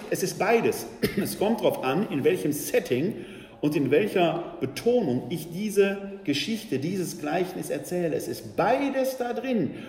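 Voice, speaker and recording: A man's voice: high voice, darkish tone. A man giving an emphatic lecture as a church educator, asking his audience questions, in an echoey hall. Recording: echoey hall, faint ambience.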